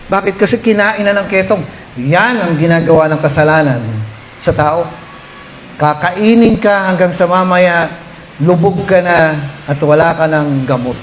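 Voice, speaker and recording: A Filipino man preaches in a church hall, his voice sitting high for a man as he tells a story from the pulpit. He is animated, and when he voices people's pleas his voice climbs into shouts. A faint hiss of room noise stays under his voice. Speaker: pastor. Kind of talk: storytelling sermon.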